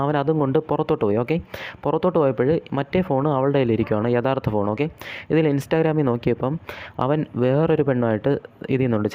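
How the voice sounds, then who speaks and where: A man's voice: mid-range voice, clean tone, no echo, muffled recording. A man hosting a casual advice monologue to his viewers, telling a story in a chatty way and saying "okay" between points. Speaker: host.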